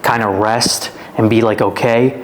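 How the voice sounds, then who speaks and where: A Canadian man in his twenties, a fitness influencer, is a guest on a podcast and tells his life story in a casual interview. His voice is fairly low and steady, and he speaks unhurriedly with slight background noise. His storytelling rambles loosely, stuffed with fillers, especially "like."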